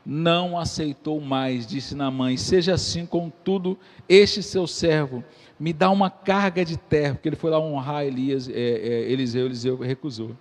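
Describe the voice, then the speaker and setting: A man's voice: on the high side, steady tone, moderate pace. A man with a Brazilian Portuguese accent preaching a sermon, reading scripture and asking the congregation questions as he retells the story. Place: church. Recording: echoey church hall.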